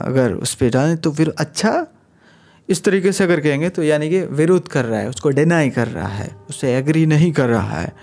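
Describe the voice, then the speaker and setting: A man teaching an exam-prep lesson, explaining slowly and patiently and repeating key phrases. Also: a little high, a little mellow. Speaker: Hindi teacher.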